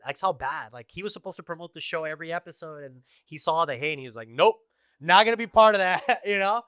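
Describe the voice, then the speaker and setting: On a laid-back podcast, a guest from Tijuana and East Los Angeles, a middle-aged man, spins lively stories loaded with fillers like "you know" and "like." He talks quickly in a fairly high, bright and crisp voice, recorded close up with no echo.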